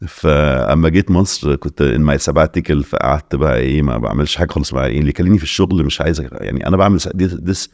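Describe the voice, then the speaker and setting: Very deep, fast-talking Egyptian man. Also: vocal fry, a little mellow, dry recording, studio quality. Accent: Egyptian Arabic. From Alexandria, Egypt. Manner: rapid talk mixing in English phrases. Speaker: investor guest. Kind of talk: casual podcast interview.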